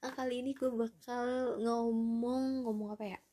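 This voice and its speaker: Casting: female podcaster, twenties, warm dark tone, soft-edged delivery, loose and self-deprecating solo chat. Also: on the high side, little pitch movement, normal speed. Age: 20s. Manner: rambling, self-deprecating, often chuckling to herself. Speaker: podcast host.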